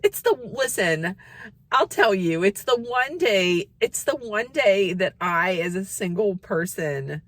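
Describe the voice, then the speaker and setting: A woman in her fifties chatting excitedly to camera in a casual vlog, with squeals and laughs. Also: medium pitch, slow. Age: 50s. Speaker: vlogger.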